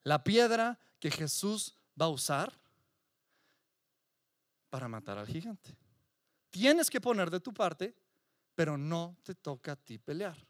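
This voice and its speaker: A man's voice: high-pitched, dry recording, clean studio sound. A man preaching a sermon, emphatic, with repetitions and rhetorical questions. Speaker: pastor.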